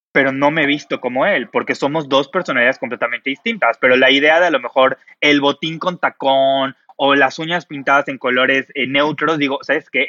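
Male image consultant, podcast host, bright forward tone, lo-fi dry recording. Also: mid-range voice, dry recording. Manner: expressive, uses many fillers like "o sea". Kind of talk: casual podcast chat.

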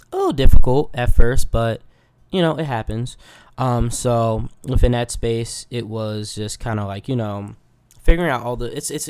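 Young guy podcast host, a lil hoarse, rambly, lots of um and you know, laughs a bunch. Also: mid-range voice, darkish tone. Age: young adult. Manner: rambling, laughs often, many fillers. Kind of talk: casual solo podcast talk.

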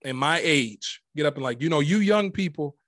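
A guest minister in his twenties talks about faith in a casual conversation, speaking in an impassioned, preacherly way with lots of emphasis. His voice is fairly high and bright, with lively intonation at a normal speed, captured in a dry, studio-quality recording.

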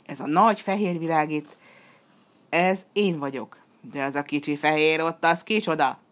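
A woman voicing a fierce, greedy male devil monster in a storybook reading, booming and menacing. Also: lightly acted. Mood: mocking.

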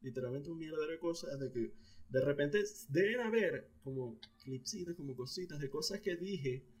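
A man's voice: on the high side, animated, moderate pace, slightly rough. Young venezuelan guy co-hosting a podcast, loose slangy rambling chat. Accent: Venezuelan Spanish. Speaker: podcast co-host. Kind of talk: casual chat.

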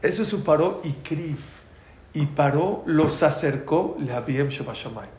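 A man's voice: on the high side, a little slow, darkish tone, echoey room. A man teaching a religious class, telling stories and asking his listeners questions, using Hebrew terms. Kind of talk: storytelling class lecture.

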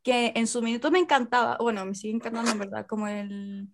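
A young Chilean woman with a high voice chats casually. Her speech is colloquial Spanish sprinkled with English words and local slang. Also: fairly even intonation, quick pace, a little hiss or hum. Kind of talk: casual chat.

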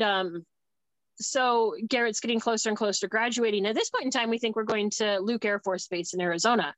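A woman guest in casual conversation, telling a personal story in an animated way. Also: medium pitch, no echo, low-quality recording. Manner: animated, acts out dialogue.

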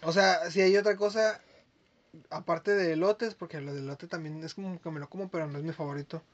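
Young Mexican man, high voice, casual slangy podcast co-host, muffled recording. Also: steady tone. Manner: joking, quick slangy storytelling. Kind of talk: casual chat. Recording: dull lo-fi sound.

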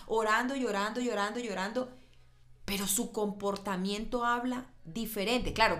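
A woman's voice: medium pitch, a bit bright. Emphatic woman preaching. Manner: emphatic preaching with rising repeated phrases; asks and answers her own questions. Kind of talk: sermon.

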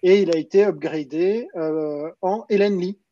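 Guy hosting a live stream, high voice, dry muffled sound, lots of restarts. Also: a little slow, mellow, no echo. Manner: chatty, stumbling restarts, greets viewers. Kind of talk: casual live stream chat.

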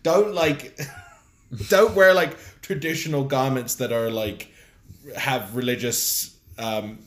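A man co-hosting a casual podcast, telling stories in an animated way, with big swings in pitch and loudness. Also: slow pace. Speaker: podcast co-host. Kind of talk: casual chat on a live podcast. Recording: roomy echo.

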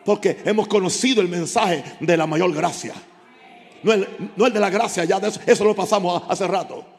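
A male pastor preaching a fervent sermon in church, shouting at times and breaking into tongues. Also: high-pitched, brisk, vocal fry. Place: church hall. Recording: church hall with long reverb.

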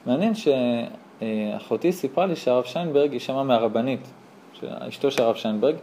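A man, a rabbi, teaching a lively Torah class to a small live audience, telling stories, acting out dialogue and asking his listeners rhetorical questions. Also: mid-range voice, slight background noise. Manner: animated storyteller who acts out dialogue.

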